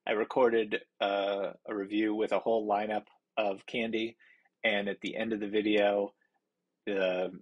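A man, hosting a casual foodie snack review in a halting way, thinking aloud as he describes flavours. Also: fairly low pitch, fairly bright tone, husky. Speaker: food review host. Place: small indoor home office.

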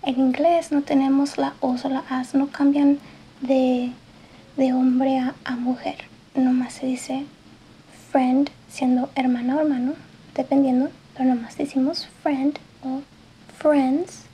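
A woman in a whispered role-play as an English teacher, speaking softly and patiently and slipping between a gentle voice and a whisper. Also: high-pitched, level tone, slight background noise, poor audio. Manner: soft-spoken, slow and patient, drifting between soft voice and whisper. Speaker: ASMR creator playing an English teacher.

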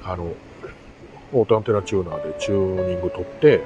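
A middle-aged Japanese man, an amateur radio hobbyist, vlogs casually to camera in an easygoing, rambling, self-deprecating way. His voice is low and quick, and the dull audio sits over music.

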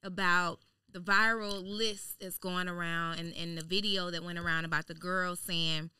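A woman co-hosting a casual dinner-table chat, asking relaxed, curious questions. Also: fairly low pitch, normal speed, clear, resonant tone, no echo, distant mic. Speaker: co-host.

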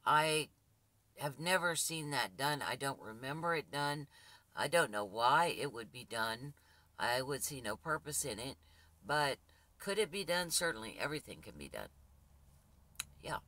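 A woman with a husky, gruff, dark voice, hosting her channel and talking casually to viewers with rambling restarts and fillers. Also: extremely low pitch, animated, measured pace, no room sound. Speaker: spiritual channel host.

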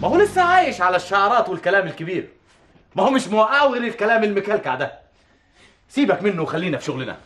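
Smooth-talking egyptian director, bouncy and quick. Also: male voice, high voice, very animated, fairly bright tone, soft background music. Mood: scheming. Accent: Egyptian Arabic. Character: flashy, scheming male stage director. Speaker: stage director. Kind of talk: TV drama acting.

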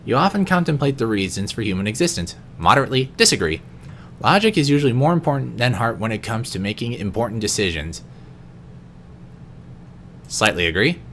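A man reading personality quiz questions aloud in an unscripted vlog, answering each one in a quieter, lower voice with the odd stumble. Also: very animated, fairly quick, a little hiss or hum. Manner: occasional stumbles and restarts. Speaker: vlogger.

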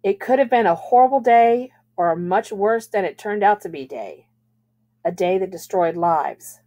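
A woman teacher reading a novel aloud to a class at a measured, even pace. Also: mid-range voice.

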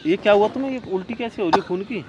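Worried insistent high-voiced man. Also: very fast, lo-fi sound. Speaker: prank target. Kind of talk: casual home video talk. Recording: noisy home video recording.

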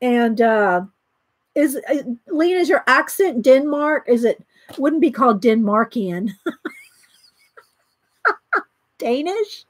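A chatty woman with a high, bright voice hosts a live art stream, greeting chat viewers by name, reading aloud from a book and giggling often. She's expressive and slow, with long pauses, and the sound is close and dry without room echo.

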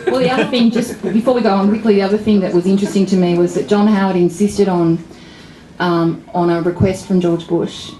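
At a pub event, a middle-aged political journalist from Australia speaks into a stand mic before an audience in the function room. Her mid-range voice is dark, fairly even in intonation and fairly quick, and her thoughtful, wry delivery is full of fillers and restarts. Faint ambient noise echoes through the roomy venue.

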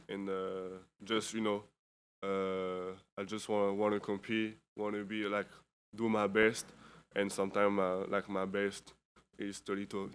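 Tired young man, low and flat. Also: smooth. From Europe. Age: 20s. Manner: halting, with many fillers and restarts. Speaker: basketball player. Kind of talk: postgame press conference answers. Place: indoor press conference room. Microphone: table microphone.

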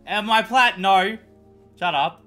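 A male streamer with a bright, forceful, slightly high voice chats and swears his way through a live gaming session. He jumps between greeting viewers and bantering with friends, loose and excitable throughout. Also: slow, faint music behind. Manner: excitable, profane, bantering with chat. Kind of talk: casual live-stream chat while gaming.

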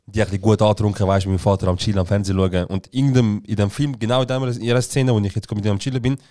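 Fast-talking Swiss German guy, deep voice. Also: steady tone, mellow. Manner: rapid slangy storytelling, acts out quotes. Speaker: podcast co-host. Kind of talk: casual chat.

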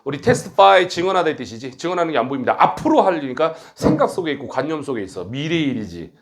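A middle-aged man running his academy delivers a grammar lecture at a brisk, blunt clip, teasing students and tossing in quick questions, his voice fairly high and very animated.

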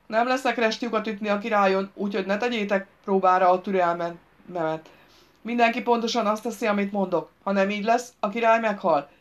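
Woman narrator as a hard male thief, loud, raised threatening orders. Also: mid-range voice, close to an everyday voice. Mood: threatening shout. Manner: shouted commands, threatening.

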